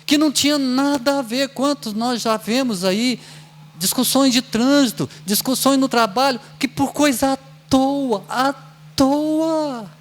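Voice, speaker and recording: A man's voice: very high-pitched, unhurried. A man with a Brazilian Portuguese accent giving a spiritist lecture, telling stories and acting out the voices of the people in them. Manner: storytelling, acts out voices of people in his anecdotes. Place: lecture hall of a spiritist center.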